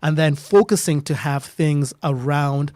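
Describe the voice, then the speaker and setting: Higher-voiced man, dry sound. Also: a little slow, a little mellow, no room sound. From Kenya. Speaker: host. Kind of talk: casual live online interview hosting.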